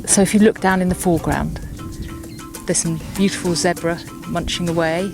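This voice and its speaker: A woman with a slightly low voice gives casual descriptive commentary as an outdoor co-presenter. Music plays clearly behind her. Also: steady tone, normal speed. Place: outdoors in African landscape.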